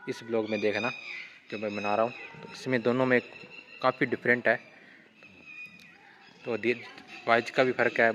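A man's voice: mid-range voice, fairly bright tone. A man, rambling casually to camera in a daily vlog, often starting his lines with "to". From India. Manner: chatty, repetitive, starts lines with "to". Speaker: vlogger. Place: outdoors by a house, then inside a small temple. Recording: dull lo-fi phone audio, faint background noise.

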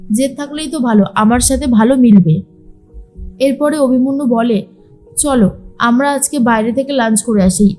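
Bright-voiced woman retelling a serial. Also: a little high. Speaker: serial recap narrator. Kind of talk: storytelling recap of a TV serial, quoting characters.

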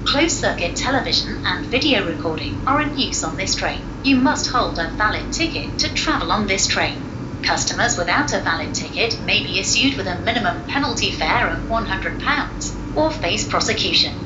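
A woman reading a formal, measured public announcement on a train, in the manner of an airport announcement. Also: mid-range voice, expressive. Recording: echoey, muffled, loud train noise. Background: train carriage ambience.

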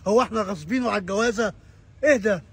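A man's voice: high voice, very fast, fairly bright tone, breathy edge, exaggerated voice. An actor with an Egyptian Arabic accent playing a stern, indignant middle-aged father of the bride.

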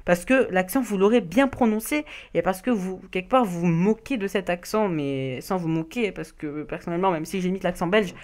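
A woman's voice: on the low side, moderate pace, hardly any pauses, darkish tone. A woman giving casual beginner tips as a voice-over, reading from notes, often stumbling, restarting and laughing at her own slips. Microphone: home recording mic.

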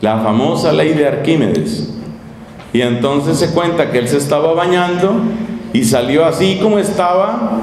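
A man giving a spoken teaching talk to religious sisters, lively and acting out little scenes in different voices. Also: fairly high pitch, a little slow. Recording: echoey hall, faint background noise.

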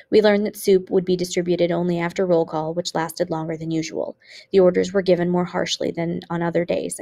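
A woman teacher narrating an audiobook in a steady, measured reading voice. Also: on the low side, vocal fry. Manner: steady, measured reading with occasional small slips.

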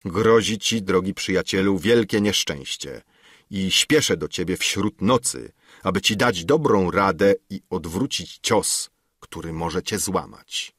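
A stern old goldsmith sorcerer, voiced by a man in a storybook reading, speaking with calm, measured menace. His low, slightly husky voice moves slowly, recorded close and dry. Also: no room sound, heavily acted. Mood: calm, ominous. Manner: calm, measured, quietly threatening.

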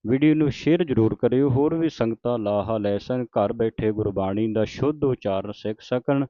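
A man who teaches scripture pronunciation, slowly reciting each verse and then explaining how it should be pronounced. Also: medium pitch, dry recording, lo-fi sound. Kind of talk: slow recitation and pronunciation lesson.

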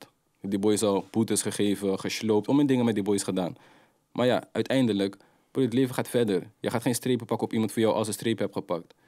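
A young adult man tells stories in lively, slang-heavy talk. His voice sits at an ordinary middle pitch. The sound is dry and close. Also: no room sound. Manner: animated, slang-heavy street storytelling. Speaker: guest rapper. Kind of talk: casual interview storytelling.

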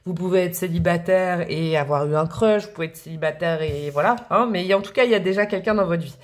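A woman talks through a tarot reading in a loose, chatty way, rambling and filling pauses as she goes. Her voice sits a little low for a woman. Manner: chatty, rambling, with fillers and laughs. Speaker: tarot reader.

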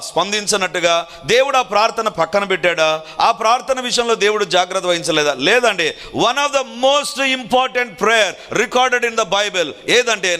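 A man's voice: high voice, sharp tone. A man preaching a sermon earnestly, repeating phrases for emphasis and slipping in English lines.

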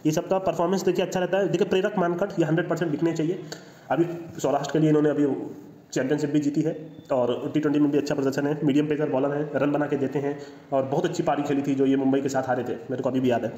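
A man's voice: on the high side, fairly even intonation, fast talker, mellow. A man giving casual, opinionated cricket commentary over slides, making confident predictions and dropping English phrases into his talk. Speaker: cricket analyst. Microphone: voice-over, no speaker seen. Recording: echoey, dull lo-fi room sound.

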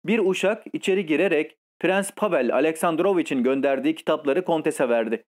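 A man reads a classic novella aloud in a steady, literary way. His voice sits a little above the usual male range, and his delivery stays even and unhurried. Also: a little high. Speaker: audiobook narrator. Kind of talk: scripted narration.

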